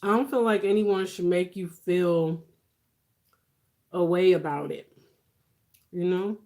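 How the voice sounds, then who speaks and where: Livestream host, woman, forties, lowish voice, informal and reassuring advice-giver. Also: steady tone, takes it slowly, warm tone. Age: 40s. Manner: reassuring, conversational advice-giving. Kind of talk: casual livestream chat with viewers.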